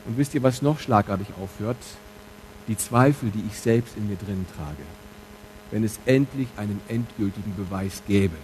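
A pastor preaches a sermon in church, speaking candidly and directly to his congregation as he shifts between quiet asides and loud, emphatic stresses. His voice is medium-pitched, and the rough recording carries slight background noise.

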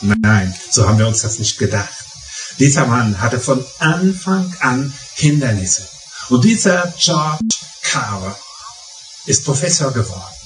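A man's voice: mid-range voice, a bit bright. A middle-aged man from the Palatinate with a Palatinate German accent, preaching a sermon through stories with emphatic repetitions. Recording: echoey hall, distant mic, faint music.

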